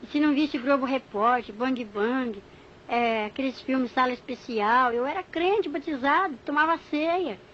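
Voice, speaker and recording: A middle-aged Brazilian woman giving a church testimony, telling her story in an animated way and acting out the dialogue. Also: high-pitched, measured pace. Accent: Brazilian Portuguese. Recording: muffled lo-fi recording with faint room noise.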